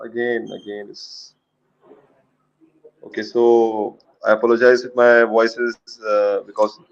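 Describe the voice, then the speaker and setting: A man hosting a casual online interview, his voice distorting and clipping on a call mic, speaking haltingly with many fillers. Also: mid-range voice, flat delivery, lo-fi sound. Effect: distorting, clipping microphone. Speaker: host interviewer. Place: someone else's home.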